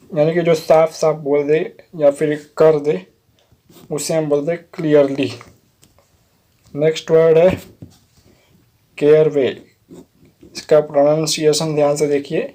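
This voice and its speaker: In a dark-toned voice on the high side, a man teaches an English vocabulary lesson. He spells each word letter by letter, explains it patiently, and checks in often with "theek hai."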